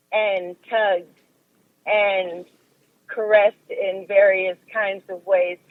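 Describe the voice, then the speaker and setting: A woman who practises massage talks in a calm, explanatory way as an interview guest, calling in on speakerphone while she drives. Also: on the high side, no echo. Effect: speakerphone call from a car. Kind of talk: casual interview chat. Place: driving in a car. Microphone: phone on speaker. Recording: tinny dry phone line.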